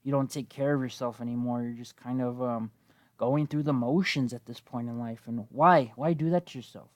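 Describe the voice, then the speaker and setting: This gaming host, a man in his twenties, offers relaxed, rambling gameplay commentary and swears often, a little wheezy as a cold comes on. His mid-range voice stays steady at a moderate pace, and the recording is dry and studio quality.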